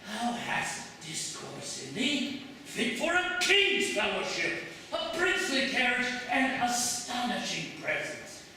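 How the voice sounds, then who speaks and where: A man's voice: extremely high pitch, big pitch swings, slow pace, bright, forceful tone, full character voice. An actor playing a pompous, scheming courtier father in classical verse drama, with a theatrical, declamatory delivery. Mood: pompous persuading. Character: pompous scheming father, a fawning courtier pressing his daughter. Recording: echoey hall, distant mic, faint noise.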